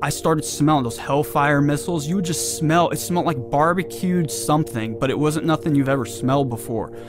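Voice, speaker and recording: A man's voice: on the high side, fairly quick, music in the background. A man from California, a military veteran, recalling his service in a loose, conversational way full of casual fillers. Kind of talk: casual recollection.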